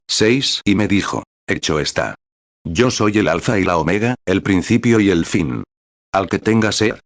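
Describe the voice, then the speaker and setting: A man with a deep, low voice reads a sermon aloud in a steady, even way. He announces each scripture reference and paragraph number before going on. The sound is dry and close, with no room around it. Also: no echo. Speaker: sermon reader.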